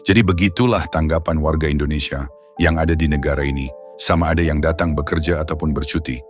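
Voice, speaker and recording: A very deep-voiced man from Malaysia reads a scripted wrap-up for his channel. His delivery is formal and smooth. Background music plays clearly throughout. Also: steady tone, fast. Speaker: channel narrator. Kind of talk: scripted narration.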